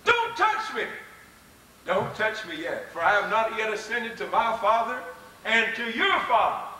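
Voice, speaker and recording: A man acting out the risen Christ, gentle and commanding, with earnest emphasis during a sermon. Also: high voice, sing-song, a little slow, exaggerated voice. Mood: tender. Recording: distant, roomy live VHS recording.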